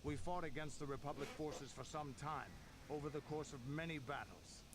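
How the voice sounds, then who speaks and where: An actor playing a gruff, blunt male war veteran in a video game. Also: on the high side, normal speed, noisy background, natural voice. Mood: curt. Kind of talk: scripted video game dialogue.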